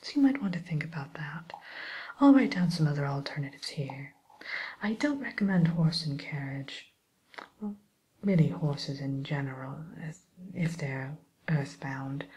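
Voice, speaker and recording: A wicked green witch played by a woman tutors a pupil in an ASMR roleplay. The voice is a low, breathy whisper, very unhurried and hesitant. The manner is genteel and vain, with a sly, polite condescension. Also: mellow, low-quality recording.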